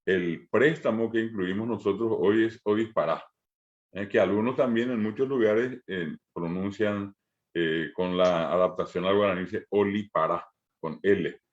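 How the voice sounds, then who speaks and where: A man with a Paraguayan Spanish accent teaching an online language class, explaining patiently and repeating words slowly, with frequent hesitations. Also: fairly low pitch. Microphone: video call. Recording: muffled lo-fi video call audio.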